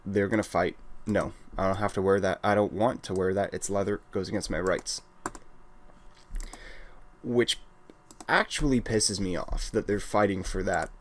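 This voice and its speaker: A man's voice: sits low, normal speed. A young man from Wales ranting at home, blunt and exasperated, often restarting his sentences. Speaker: gaming channel host. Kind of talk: casual ranting monologue.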